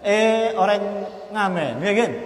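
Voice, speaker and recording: A man giving a sermon, asking the audience questions and answering them himself, and reciting Arabic verses slowly. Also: high-pitched, slight background noise. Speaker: preacher. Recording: echoey hall with long reverb.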